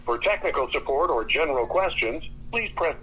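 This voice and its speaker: A man's voice: on the high side, brisk, low-quality recording. A man's voice in a recorded phone menu message, giving polite, formal, scripted announcements. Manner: polite, even, formal delivery.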